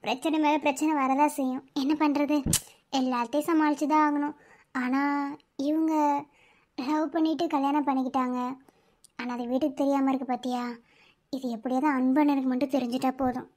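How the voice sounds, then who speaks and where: A woman voicing a sympathetic young woman in a cartoon, talking softly and thoughtfully in a Madurai Tamil accent. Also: high voice, close to an everyday voice. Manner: soft, reflective. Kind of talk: cartoon voice acting.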